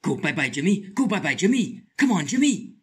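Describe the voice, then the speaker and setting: Let's play host, male, slight lisp, husky tone, wildly swinging pitch, excitable commentary. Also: brisk. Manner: excitable, shrieks and mutters to himself. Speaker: gaming channel host.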